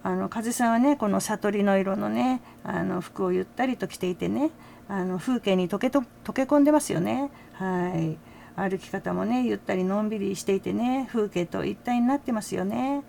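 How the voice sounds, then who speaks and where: A woman's voice: mid-range voice, moderate pace, vocal fry, dark tone, slight background noise. An older woman hosting a fan channel, chatting casually with frequent little laughs and tag words. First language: Japanese. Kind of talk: casual commentary to camera.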